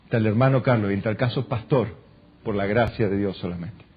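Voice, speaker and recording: In church, an Argentine Spanish-accented pastor with a fairly low, husky voice preaches a little fast. He fires rhetorical questions at the congregation, swells to loud exclamations, then sinks into soft prayer, and the recording loses its high frequencies.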